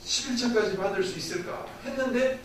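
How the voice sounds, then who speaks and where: A man's voice: extremely high pitch, brisk. A man preaching a sermon as a missionary, giving an earnest testimony and asking the congregation rhetorical questions. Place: church sanctuary. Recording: very echoey church hall, distant.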